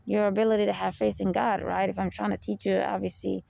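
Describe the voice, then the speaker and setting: Fast and flat in delivery, the young podcast host speaks in a deep, mellow, gravelly voice, rambling through confessional talk peppered with "you know" and small laughs. The recording is dry and close with no room, and its high frequencies are cut off.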